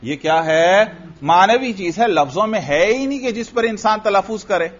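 A man with a high voice teaches a grammar lesson, putting questions to the class and answering them himself. He goes back over each point patiently. The recording is dull and lo-fi. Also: expressive, normal speed. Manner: repeats points for students. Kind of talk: Arabic grammar lesson in Urdu.

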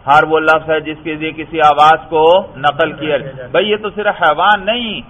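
A man teaching Arabic grammar in Urdu. He reads Arabic phrases slowly, then explains them and keeps asking his listeners whether they have understood. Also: medium pitch. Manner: keeps asking if it is understood, often says "brother". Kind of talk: classroom lesson explaining Arabic text. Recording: tinny phone-like recording with faint noise.

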